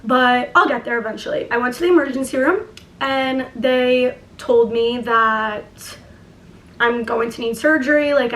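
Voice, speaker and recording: A woman's voice: fairly high pitch, a bit bright. A young woman with a lisp tells a personal story casually and emphatically, swearing and saying "like" a lot, talking through a sore jaw that barely opens. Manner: emphatic, swearing, heavy use of "like". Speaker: vlogger. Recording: echoey room, distant microphone.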